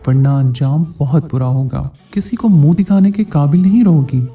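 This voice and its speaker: A man's voice: fairly high pitch, expressive, normal speed, dark tone, close to an everyday voice. A man voicing a menacing young man who makes harsh threats. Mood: threatening. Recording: distant mic, faint background music.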